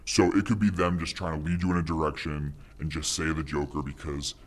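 Man with a disguised, distorted deep voice. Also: little pitch movement, a little fast. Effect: voice distorted to sound very deep. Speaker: anonymous interview guest. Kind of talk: mock interview.

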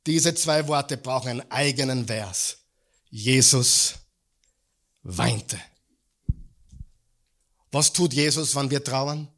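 A man preaching a sermon as pastor in a church, asking the congregation questions and swinging from loud peaks to quiet low lines. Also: normal speed, hardly any pauses.

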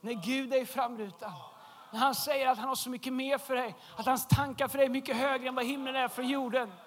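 A man preaching a humorous sermon in a church, telling a story with lively shouted punchlines. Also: very high-pitched. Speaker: pastor. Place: large church hall.

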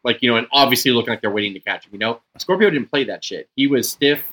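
A man's voice: mid-range voice, quick pace, bright, forceful tone. A man hosting a podcast, chatting casually with emphatic, rambling, profanity-laced enthusiasm. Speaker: wrestling podcast host. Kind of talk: casual chat.

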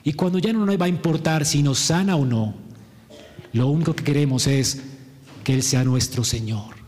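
High pitched preacher guy, dramatic pauses, long echo of a big church hall. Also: darkish tone. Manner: emphatic, with rhetorical questions and dramatic pauses. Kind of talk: sermon.

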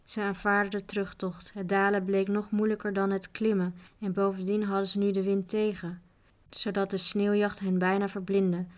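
Female storyteller for a read-aloud book; calm, even, little pitch movement. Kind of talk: reading a children's book aloud.

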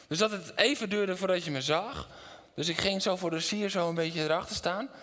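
A middle-aged man preaching a sermon in a church hall, his voice ringing with a long reverb. His tone is bright and forceful, set a little high. He tells a personal story and asks the congregation questions, moving between loud, animated passages and quiet, intense ones. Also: brisk. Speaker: pastor.

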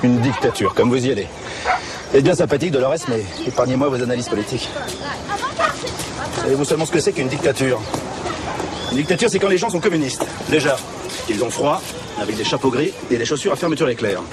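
A smug, patronizing man, as an actor plays him over a loud crowd. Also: mid-range voice, animated, brisk, pauses often, close to an everyday voice. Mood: condescending. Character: pompous, condescending male agent lecturing a woman. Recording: film clip with loud crowd behind.

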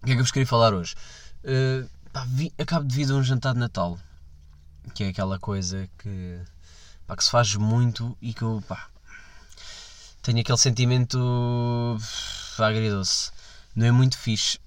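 A man's voice: medium pitch, dry recording. A young man with a European Portuguese accent hosting a casual solo podcast, joking at himself and breaking into mock voices. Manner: animated, self-mocking, quick asides and mock voices. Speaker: podcast host. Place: quiet room at night.

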